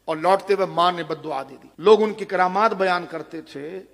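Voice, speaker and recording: Impassioned high-voiced male preacher, hall reverb. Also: gravelly. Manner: impassioned storytelling, swinging between loud and hushed; addresses the audience directly. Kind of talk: Urdu religious sermon.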